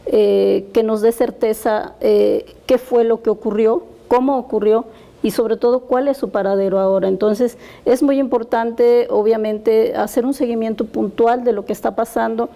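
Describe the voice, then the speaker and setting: A woman speaking as a panel guest, giving measured analysis with frequent hesitant pauses. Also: a little high, fairly even intonation, creaky, dark tone. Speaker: press freedom representative, panel guest.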